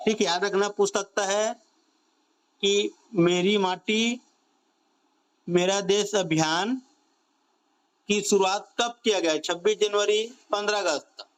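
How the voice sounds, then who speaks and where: Slow-spoken high-voiced male teacher. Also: fairly even intonation, smooth. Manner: drills students with repeated questions and "theek hai"; slow, stretched key phrases. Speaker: exam-prep teacher. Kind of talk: online current-affairs class.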